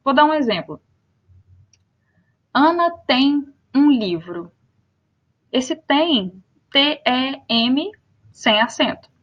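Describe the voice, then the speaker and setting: Young Brazilian woman teacher, high voice, slow careful repeats, dull lo-fi sound. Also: sing-song. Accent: Brazilian Portuguese. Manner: spells out and repeats example words slowly. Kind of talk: spoken grammar lesson.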